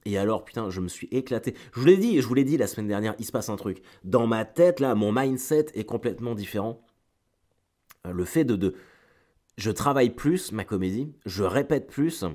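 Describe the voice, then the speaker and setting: A middle-aged man with a cold-congested, fairly low voice sounds mellow, with lively intonation at normal speed. He's a stand-up comedian on his weekly solo show, chatting slangily with listeners, drifting into tangents, repeating words and reaching for phrasing.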